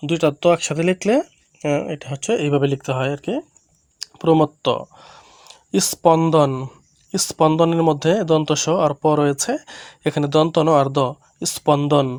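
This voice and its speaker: A Bangladeshi Bengali-accented man teaches a primary school reading lesson, speaking each word slowly and then again. His voice sits a bit on the high side for a man. The recording is dry and close, with no room sound. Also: a little mellow, no echo. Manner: slow, repeats each word twice, explains letters patiently.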